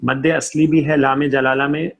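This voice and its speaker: A man's voice: medium pitch, little pitch movement, moderate pace, creaky. A man teaching an online class, patient, repeating key terms and checking often that his students understand.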